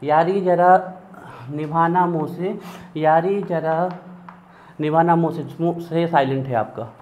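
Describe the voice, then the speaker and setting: A man's voice: fairly high pitch, fairly even intonation, unhurried, darkish tone. Man chanting chemistry mnemonics. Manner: chanting lists of elements in rhythmic mnemonics. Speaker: chemistry teacher. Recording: dull lo-fi sound with faint background noise.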